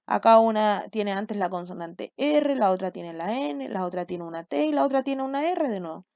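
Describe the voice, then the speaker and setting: A woman's voice: mid-range voice, lively intonation, moderate pace, vocal fry, darkish tone, no echo, dull audio. A woman from Chile teaching a class, explaining step by step and often checking with "¿cierto?" and "¿ya?". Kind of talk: recorded online class.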